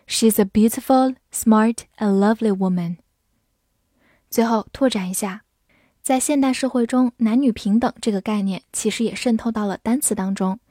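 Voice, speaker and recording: Dry, clear woman teaching vocabulary. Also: fairly high pitch, warm tone, no room sound. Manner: spells words letter by letter and reads example sentences slowly. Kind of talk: scripted vocabulary lesson.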